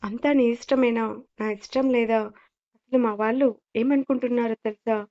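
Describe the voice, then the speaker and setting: A woman reading a shy young woman who digs in her heels against her boss. The voice is slightly high and evenly paced. Dull, lo-fi recording. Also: steady tone, moderate pace, warm tone, natural voice. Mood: defiant. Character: young woman employee, shy but stubborn. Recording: dull lo-fi audio.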